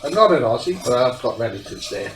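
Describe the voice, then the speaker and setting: Talking fast with big pitch swings, this medium-pitched man from South Wales has a Welsh accent and a stuffy nose from a cold. He hosts a home cooking channel, chatting casually as he cooks in his kitchen, ending sentences on a rise; the audio is reverberant with background noise.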